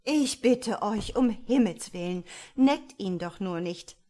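Brief: fretful old mother, scolding and lamenting, high and loud, as a woman reader puts her on. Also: animated, normal speed, natural voice. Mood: fretting.

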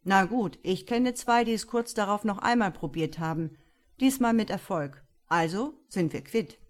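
A woman voicing a grumpy, cynical male police detective in a crime audiobook, with gruff sarcastic remarks. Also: mid-range voice, normal speed, natural voice.

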